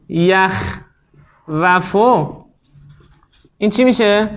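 A man's voice: high-pitched, fairly bright tone, muffled recording. A man teaching a grammar class, explaining each rule step by step and quizzing his students as he goes. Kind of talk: classroom lecture.

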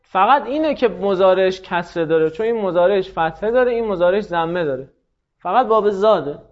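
A man teaching a grammar class, quizzing students on their answers, praising them and explaining rules briskly. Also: high voice, animated, muffled recording. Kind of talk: classroom lesson with student drills.

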